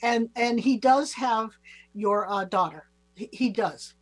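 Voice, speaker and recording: A woman giving spiritual advice as a psychic on a talk show, informal, halting and reassuring. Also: a little high, faint music behind. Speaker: psychic reader and show co-host.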